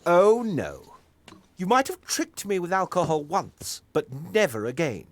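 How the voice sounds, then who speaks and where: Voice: mid-range voice, big pitch swings, a little slow. An actor playing a lazy, grumpy male troll who complains in a huffy, whiny way. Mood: grumbling. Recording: game audio with faint music.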